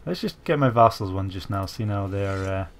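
At a normal speed, a low-pitched, animated man with a stuffy cold hosts a gaming channel's strategy game commentary. He muses aloud as he plays, using lots of fillers, and typing can be heard behind him.

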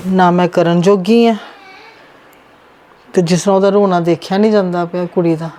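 A woman's voice: sits high, a little mellow, slight background noise, lightly acted. A woman playing a worried poor mother. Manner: coaxing, instructive, motherly. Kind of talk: amateur family drama acting.

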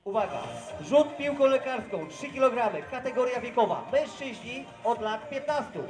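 A man calls out results through a megaphone, his very high voice spreading in echo. He reads names slowly and formally and keeps asking for attention. Music plays behind him. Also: lively intonation. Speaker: event announcer. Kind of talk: announcing competition results. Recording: echoey loudspeaker sound with music behind.

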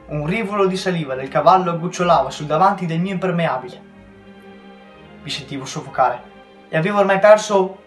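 A teenage boy, a student reader, reading a novel aloud with measured storytelling, in a roomy recording with faint music. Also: on the high side. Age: teens.

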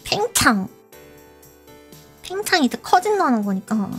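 A woman with a high, very lively voice streams a game in playful casual chat. She takes her time between phrases, and faint music plays behind her. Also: measured pace. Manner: playful, giggly.

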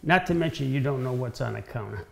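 A guest woodworker in his sixties explains cutting boards during an informal demonstration in a home-style indoor kitchen, often repeating and restarting phrases. His medium-pitched voice is gravelly and expressive, he talks fast, and the background is noisy.

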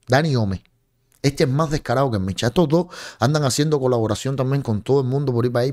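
A man's voice: medium pitch, a little mellow. A young Cuban man with a Cuban accent, mocking and scolding as he streams commentary from a home room into a large studio microphone. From Cuba. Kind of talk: livestream commentary. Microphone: large studio mic on a boom in front of face.

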